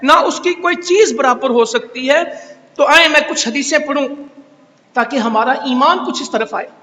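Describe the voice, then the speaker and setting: A man's voice: extremely high pitch, pushed and bright. A man preaching a Friday sermon in a mosque, scolding and exhorting with rhetorical questions. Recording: echoey hall reverb.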